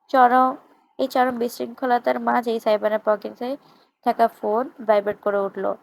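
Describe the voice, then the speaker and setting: A woman reads a novel chapter aloud in a steady, expressive storytelling manner. Her voice sits a little high with a gravelly, fry-tinged edge. Some faint noise sits underneath. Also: rough recording. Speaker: story reader. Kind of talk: storybook narration.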